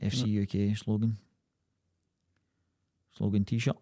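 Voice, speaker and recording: A man's voice: on the low side, flat delivery, slow, dark tone, dry recording, studio quality. A Scottish man co-hosting a podcast, chatting casually in jokey, sweary comic banter. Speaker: podcast co-host.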